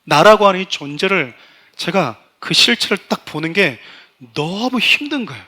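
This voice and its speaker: A man's voice: high-pitched, big pitch swings, normal speed, bright, forceful tone. A middle-aged man, a pastor, preaching a sermon and telling a personal story with strong emotion, often addressing the congregation directly.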